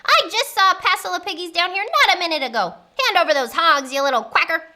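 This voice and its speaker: Storybook witch, screeching, very high, piercingly bright, greedy, hot-tempered, bossy. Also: fast talker. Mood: furious, demanding. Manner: screeching, shouting, bossy, insulting. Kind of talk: children's storybook character voice.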